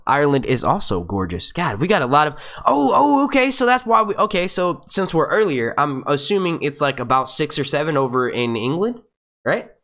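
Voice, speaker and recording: A youthful-sounding American man in his twenties, with a mid-range, slightly bright voice, hosts a casual YouTube live stream and reads the live chat. He rambles and chats, using lots of fillers and profanity.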